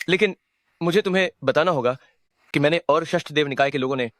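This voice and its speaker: A man's voice: fairly high pitch, brisk, fairly bright tone, dry recording, close to an everyday voice. A man voicing a sly, persuasive schemer laying out a plot. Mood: conspiratorial. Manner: persuasive, conspiratorial. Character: sly scheming ally, smooth-talking plotter. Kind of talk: Hindi-dubbed drama.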